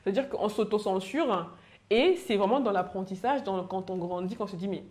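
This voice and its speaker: A woman from Cameroon, a guest in a panel discussion, speaking reflectively with quick restarts. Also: mid-range voice, darkish tone. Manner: talks fast, reflective, with frequent restarts. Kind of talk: casual discussion.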